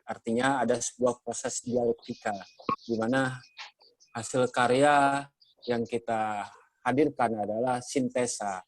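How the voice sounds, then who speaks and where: An Indonesian man moderating a journalism training session, speaking in a measured way with many hesitations. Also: mid-range voice, fairly even intonation, no room sound, poor audio. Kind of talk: workshop moderation, lecturing.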